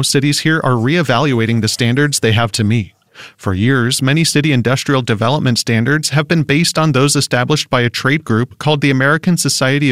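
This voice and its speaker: A man reading a scripted radio news report in a steady, informative way. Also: mid-range voice, no room sound. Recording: dry studio voice-over.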